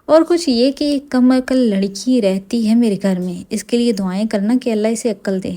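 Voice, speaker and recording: A woman's voice: on the high side, natural voice. Woman reading as a teasing army captain husband. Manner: affectionate, gently scolding. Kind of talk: audiobook dialogue reading.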